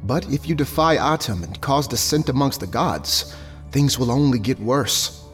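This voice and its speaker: A man playing a stoic, devoted god of fertility and loving husband in an audio drama, speaking in an earnest, measured way. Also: medium pitch, lively intonation, faint music behind, natural voice. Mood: reasoning.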